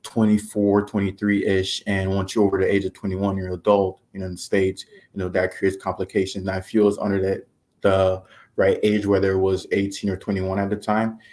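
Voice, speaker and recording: Low-voiced relaxed man from Haiti. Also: fairly quick. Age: 20s. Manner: relaxed, chuckling, with many fillers. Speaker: guest. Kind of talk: casual interview.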